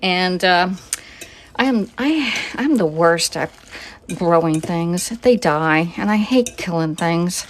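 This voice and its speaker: Slightly breathless, a home-cooking livestream host from Northeast Pennsylvania chats and welcomes viewers by name from her kitchen. She speaks slowly and animatedly in a lowish voice, captured on a phone camera with slight background noise.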